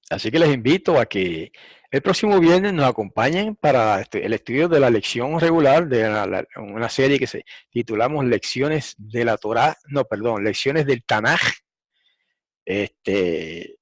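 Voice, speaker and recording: Man, Bible teacher, recorded lesson, explains and repeats, mid-pitched voice, dry sound. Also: no echo. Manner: explanatory, repeats points for emphasis; frequent throat clearing and fillers.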